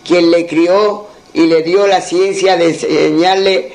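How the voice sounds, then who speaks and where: A man's voice: high-pitched, steady tone, slow, darkish tone, low-quality recording. A man telling a folk tale and voicing a young doctor who speaks reassuringly and gives orders. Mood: formal.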